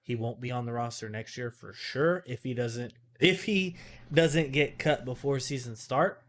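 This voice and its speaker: Male podcast co-host, mid-pitch voice, chatty and rambling, stops to fix his words. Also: measured pace, fairly bright tone. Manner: rambling, self-correcting, filler-heavy. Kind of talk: casual fantasy football chat.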